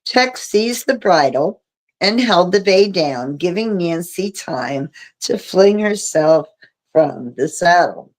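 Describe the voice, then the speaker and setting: A woman reading a mystery novel aloud on a livestream, in a steady storybook manner. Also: lowish voice, takes it slowly. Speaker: reader.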